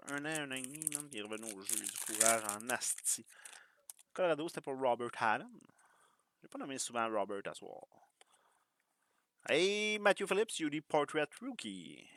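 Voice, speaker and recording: Québécois guy running a hockey card break, bright voice, jokey and chatty. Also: mid-range voice, no room sound. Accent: Quebec French. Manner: quick, joking, chatty with viewers. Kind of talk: live card break commentary.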